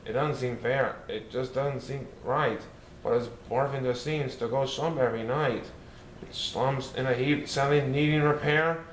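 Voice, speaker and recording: A man's voice: mid-range voice, fairly even intonation, unhurried, natural voice. A man voicing a playful, mischievous male cartoon cat, reading a rhyming storybook in a sing-song, bouncy way. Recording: roomy echo, faint hiss.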